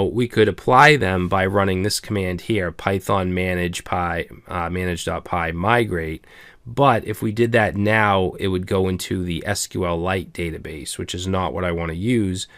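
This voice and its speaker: A man, slightly hoarse, casually explaining a programming tutorial step by step, with frequent "okay" and "all right". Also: low voice, dry recording. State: slightly hoarse, losing his voice. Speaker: programming instructor. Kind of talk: screencast coding tutorial.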